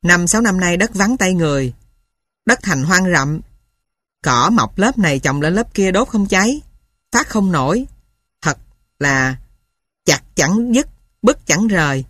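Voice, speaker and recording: A woman narrating a story in the first person, steady and storytelling. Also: lowish voice, measured pace, pauses often, breathy edge, no echo, clean studio sound. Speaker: audiobook narrator.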